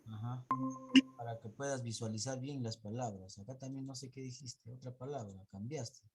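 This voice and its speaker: A man's voice: mid-range voice, fairly even intonation, normal speed, over music. A man teaching an online class, going over pupils' reading mistakes and counting errors aloud.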